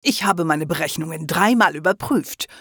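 A man's voice: fairly high pitch, normal speed, gravelly, a bit bright, breathy edge, no room sound, studio quality, heavily acted. A man voicing an ancient, smug male wizard hologram who talks down to people in a lecturing way, in an audiobook. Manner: condescending, lecturing.

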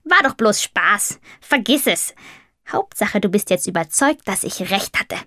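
A woman voicing a grumpy, know-it-all male raven who talks in a croaky, curt and sarcastic way. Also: mid-range voice, animated, unhurried, pushed and bright, no echo, clean studio sound. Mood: gruff. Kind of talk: audiobook character voice.

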